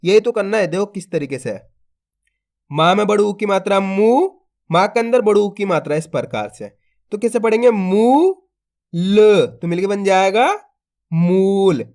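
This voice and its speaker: A man's voice: sits high, lively intonation, moderate pace, a little mellow. A man teaching a phonics lesson, sounding out each syllable and then stretching the blended word, speaking patiently to viewers he calls friends. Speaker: Hindi reading teacher.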